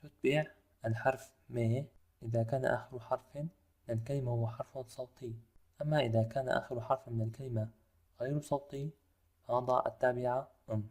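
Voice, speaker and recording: A man teaching a language lesson, explaining rules step by step and slowing down to spell out example phrases. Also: medium pitch, steady tone, a little mellow.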